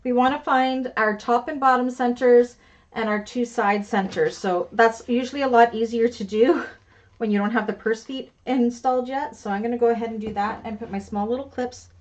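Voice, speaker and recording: A woman's voice: fairly high pitch, fairly even intonation, normal speed. Chatty woman teaching a sewing class. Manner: chatty, self-deprecating, talks to herself while working. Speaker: bag-making instructor. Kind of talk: live class instruction while sewing. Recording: slightly dull lo-fi with faint noise.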